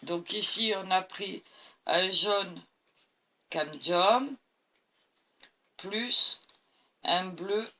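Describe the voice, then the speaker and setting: Woman, painting tutorial host, slow unhurried talk, bright tone, tired, enthusiastic. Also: medium pitch. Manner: enthusiastic, keeps praising the colors. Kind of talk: art demonstration talk to camera.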